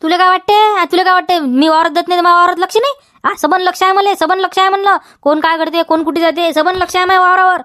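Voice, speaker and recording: A woman's voice: extremely high pitch, fairly even intonation, fast talker, pushed and bright, no room sound, studio quality. Woman playing a nagging village farmer. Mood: accusing. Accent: Vidarbha Marathi. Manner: nagging, repeats demands, keeps tagging "हा?". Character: scolding village farmer man guarding his field. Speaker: comedy sketch actor. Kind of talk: village comedy sketch.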